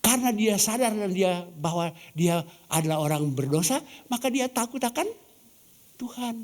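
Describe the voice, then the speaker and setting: A man's voice: high-pitched, animated, moderate pace, darkish tone. A man from Ambon, Indonesia preaching a sermon as pastor, asking the congregation questions and acting out quoted dialogue. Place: church.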